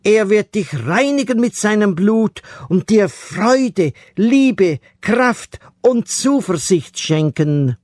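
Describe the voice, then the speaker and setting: Slow, high-voiced radio preacher man. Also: expressive, darkish tone, no echo, clean studio sound. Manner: earnest, exhorting, addresses the listener directly. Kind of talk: radio sermon.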